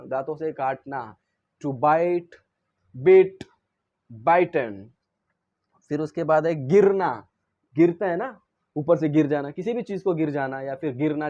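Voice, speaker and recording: A man's voice: on the high side, darkish tone, lo-fi sound. Hindi-speaking male English teacher. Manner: explains in Hindi, recites verb forms in English; asks and answers his own questions. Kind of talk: classroom-style lesson.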